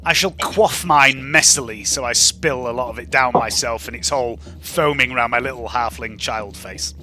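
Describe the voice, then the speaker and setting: A man's voice: medium pitch, moderate pace, sharp tone, soft background music. A man playing a tabletop game, chatting casually and sweary as he describes what he does. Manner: sweary, describes actions in first person. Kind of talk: casual gaming chat.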